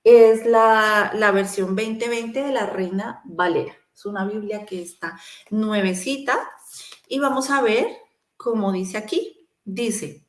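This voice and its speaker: A woman giving a sermon-style Bible teaching, encouraging and speaking straight to the listener, pausing with fillers as she looks up verses. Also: mid-range voice, echoey room. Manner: encouraging, addresses the listener directly.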